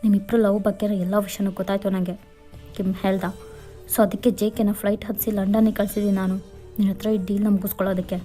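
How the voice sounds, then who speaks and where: A woman's voice: mid-range voice, flat delivery, fast, warm tone, faint music behind, lightly acted. A woman voicing a ruthless, domineering rich father who coldly threatens a young woman in a fan fiction voiceover. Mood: menacing.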